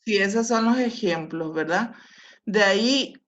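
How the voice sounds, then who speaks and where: A woman teacher giving a patient class over a video call, often checking that her students follow along. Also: medium pitch. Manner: slow, patient explaining with frequent filler sounds and checks. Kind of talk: online class lecture. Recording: dull lo-fi audio.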